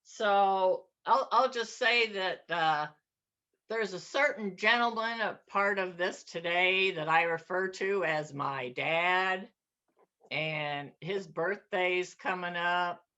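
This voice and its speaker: A woman's voice: fairly low pitch, slow, pushed and bright, muffled recording. A woman in her sixties leading an online laughter yoga class. She is playful and cheery, and she laughs and cheers often.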